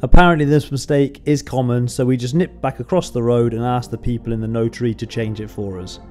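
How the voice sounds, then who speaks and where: A man narrating a travel vlog in voice-over, recapping each step in a calm, matter-of-fact way. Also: medium pitch, fairly quick, background noise. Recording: voice-over with background music.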